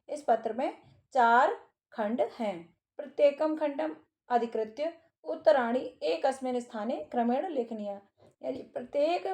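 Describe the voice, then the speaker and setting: Speaking with a mellow, soft, fairly high voice free of any sharpness, a woman teacher patiently takes students through a Sanskrit exam paper, reading out each line and following it with an explanation.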